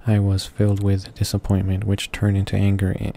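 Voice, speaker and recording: A man with a low, gravelly voice reads along with a visual novel in a brisk, completely flat delivery, stumbling over words and correcting himself between casual asides. He hosts a gaming channel, and soft game music plays under a little hiss or hum.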